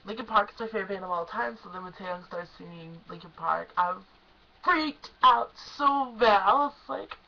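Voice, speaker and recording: A young woman excitedly recapping a concert she went to, gushing and emotional, at times choked up. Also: medium pitch, normal speed, vocal fry, highs cut off. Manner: gushing, emotional, lots of "like" and "oh my gosh". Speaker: concert fan vlogger.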